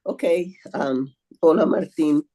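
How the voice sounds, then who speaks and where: Slow, mellow older woman. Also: sits low, low-quality recording. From Venezuela. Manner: halting, with many fillers and restarts. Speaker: audience member asking questions. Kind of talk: seminar Q&A question.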